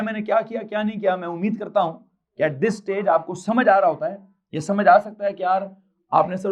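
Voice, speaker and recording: A man's voice: high voice, lo-fi sound. A male physics teacher with a Pakistani Urdu accent, lecturing a class and firing off questions he answers himself. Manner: quizzing, answers his own rapid questions.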